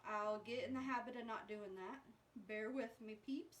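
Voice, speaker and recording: A woman's voice: fairly high pitch, normal speed. A woman hosting a casual crafting livestream, chatting viewers through each step on a new microphone that makes her sound like she is talking through a pipe. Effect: muffled sound, as if talking through a pipe. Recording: distant, pipe-like sound with faint background noise.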